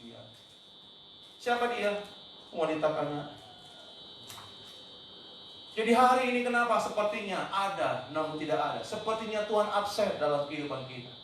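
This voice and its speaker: A man with a very high voice preaches emphatically from a church hall, now and then breaking into English words and shouted cries. The sound is heavily echoey and caught from some distance. A faint noise sits underneath. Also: animated, moderate pace, pauses often. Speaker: pastor. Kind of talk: sermon.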